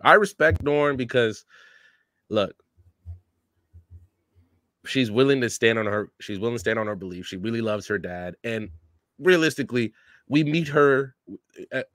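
A man's voice: fairly low pitch, no room sound, studio quality. A man co-hosting a casual anime review chat, talking emphatically with many restarts and "like"s. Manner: emphatic and animated, lots of restarts and "like". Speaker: co-host.

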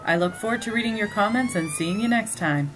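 A woman's voice: medium pitch, fairly quick, music in the background, low-quality recording. A woman hosting a commentary show, talking in an earnest, speculative way. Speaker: host. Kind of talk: scripted commentary.

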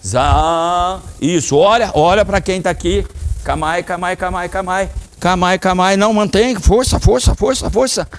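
A man's voice: high-pitched, unhurried, smooth. A middle-aged man with a Brazilian Portuguese accent teaching a children's karate class in a training hall, calling out commands and explaining techniques. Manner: lively, coaching commands to children. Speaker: karate instructor.

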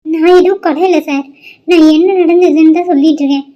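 A woman's voice: very high-pitched, steady tone, fairly quick, mellow. A woman voicing an upset young college student in a cartoon, pleading and protesting. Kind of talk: cartoon voice acting. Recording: dull lo-fi audio.

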